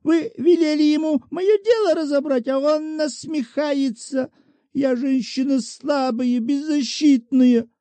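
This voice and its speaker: A man voicing a shrill, wheedling old woman petitioner in a high falsetto. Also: slow, mellow, no echo. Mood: complaining.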